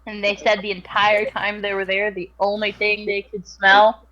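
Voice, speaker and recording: Woman, chatty, quick to laugh, casual tabletop chat. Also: mid-range voice, completely flat delivery, pushed and bright, lo-fi sound. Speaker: player.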